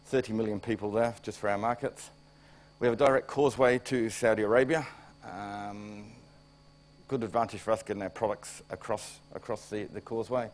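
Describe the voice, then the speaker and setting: A middle-aged man with a New Zealand accent, a plant director, gives a conference presentation in a plain-spoken, wry manner while coming down with a cold. His voice is on the low side, with fairly even intonation and a slightly fast pace.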